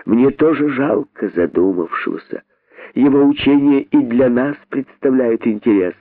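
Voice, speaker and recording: A male narrator voicing a cheeky, sharp-tongued female monkey mother who talks in a slow, mocking drawl. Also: mid-range voice, dry recording, voice pushed up, close to an everyday voice. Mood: stern. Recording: narrow phone-like band.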